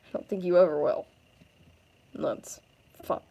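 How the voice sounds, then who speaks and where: A woman voicing a guarded, streetwise young man who talks quietly and curtly. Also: moderate pace, creaky, breathy edge. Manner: low-key, quiet, curt.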